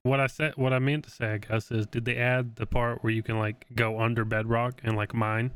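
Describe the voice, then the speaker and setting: A man's voice: medium pitch, level tone, fairly quick, clean tone, no echo. A man co-hosting a podcast in laid-back casual chat with dry humor. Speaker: podcast co-host.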